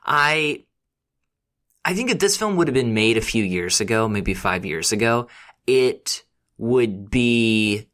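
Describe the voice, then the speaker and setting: A man's voice: mid-range voice, lively intonation, slow pace, a bit bright. A man co-hosting a film podcast, chatting casually and thoughtfully, with laughs and hesitations. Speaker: podcast co-host.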